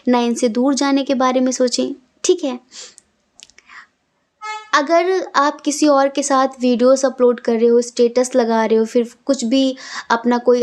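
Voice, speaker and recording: A woman's voice: high voice, darkish tone. A young woman giving a casual tarot reading, speaking earnestly and directly to the viewer, repeating her points. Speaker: tarot reader.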